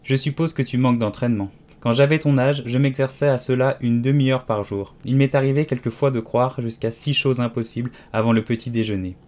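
A man's voice: steady tone, fairly quick, few pauses, a little mellow, lightly acted. A man voicing a fussy, scatterbrained old queen who wails and lectures in an audiobook. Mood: lecturing. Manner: shrill wailing cries, fretful and peremptory. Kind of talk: audiobook character voice.

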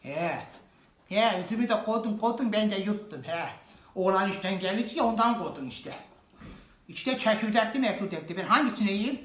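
A performer playing a grumbling old village mother-in-law in a comic sketch, low and drawling. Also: expressive, moderate pace, fairly bright tone, recorded from a distance, lightly acted. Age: older. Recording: roomy echo.

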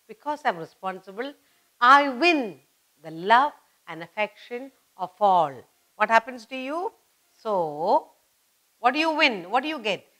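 Poor audio captures a middle-aged woman, Indian in accent, whose voice is a little high and a bit bright as she gives young children a lesson at a studio whiteboard. She speaks emphatically, repeating easy phrases and posing questions.

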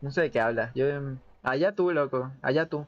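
A young Latin American man in his early twenties, with a mid-range voice and moderate pace, streams a game from an indoor room at home. He gives casual, slangy, joking playthrough commentary and reads subtitles aloud. The stream audio is dull and lo-fi, with video game sound in the background.

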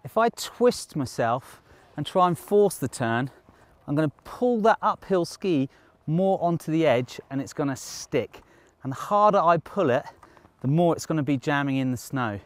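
A middle-aged man gives a ski lesson to camera out on the slopes. His voice sits slightly higher than average for a man. He instructs in a reassuring, encouraging way. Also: animated, normal speed, no room sound. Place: outdoors on a snowy mountain ski slope.

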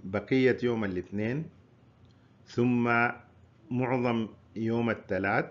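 A man's voice: mid-range voice, unhurried, highs cut off. A man with a Sudanese Arabic accent giving an informal history lecture, explaining and repeating his points in a conversational way.

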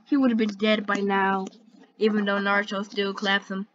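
A woman's voice: mid-range voice, monotone, normal speed, fairly bright tone. A woman hosting a reaction video with casual commentary. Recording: dull lo-fi audio with background noise.

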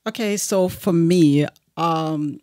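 Jamaican woman guest, soft-spoken, laughs between her lines, close and dry recording. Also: low voice, slow pace, no echo. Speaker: podcast guest. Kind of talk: casual interview.

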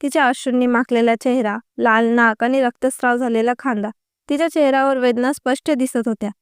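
A woman narrating a story in an even, unhurried reading voice. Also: on the high side, clean tone, no echo, studio quality.

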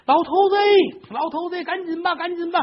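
A man voicing a frantic old woman with a high, husky, wailing voice in a comic storytelling act. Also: a little fast. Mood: panicked. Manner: high-pitched panicky wailing. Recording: dull lo-fi recording.

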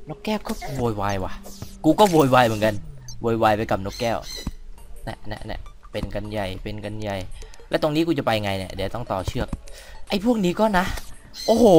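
A young man commentating on his own gameplay, excitable, cursing at enemies and chatting to viewers. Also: mid-range voice. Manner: excitable, swearing, talks to himself and the viewers. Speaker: gaming YouTuber. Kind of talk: let's play commentary.

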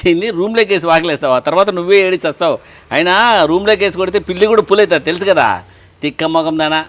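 A man's voice: sits high, rapid-fire. A man acting as a brash, defiant husband in a comic sketch. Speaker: husband in a comedy skit.

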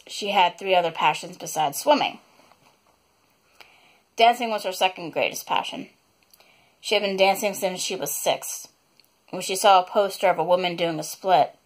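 A woman reading a chapter of her own novel aloud, unedited, stopping now and then to apologize for slips and add asides. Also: on the low side.

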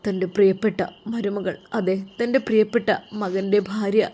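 Woman storyteller, emotive measured narration, middle pitch. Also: steady tone, dark tone.

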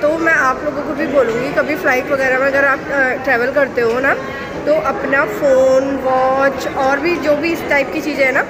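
Filming on her phone amid loud crowd, street and traffic noise, this woman talks casually and teasingly to viewers of her family vlog while walking outdoors through a busy city and into a mall. Her voice sits high, steady in tone, at a normal speed.

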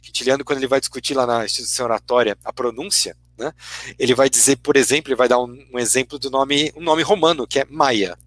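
A man's voice: mid-range voice, fast, fairly bright tone. A man with a Brazilian Portuguese accent, a guest lecturer giving a teacherly explanation, tagging his sentences with constant "né" questions. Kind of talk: explanatory academic talk.

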